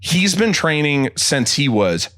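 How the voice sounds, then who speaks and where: A man hosting a podcast in casual chat, rambling with many fillers and quick laughs. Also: fairly high pitch, big pitch swings, a bit bright, no echo, clean studio sound. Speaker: podcast host.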